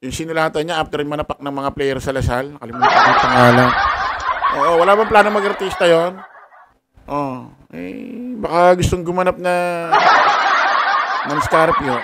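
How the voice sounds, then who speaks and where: A man's voice: on the high side, moderate pace, very noisy. A man giving casual political commentary, rambling and forgetful, laughing often and tossing in salty asides. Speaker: online commentator.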